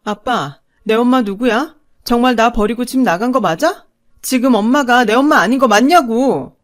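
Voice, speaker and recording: A young daughter in a radio story who pleads and talks back in a raised, tearful voice, as a woman narrator acts her out. She sounds higher and louder than the narration around her. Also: sing-song, a little slow, dry recording, studio quality. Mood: upset, pleading. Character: young daughter, hurt and defiant.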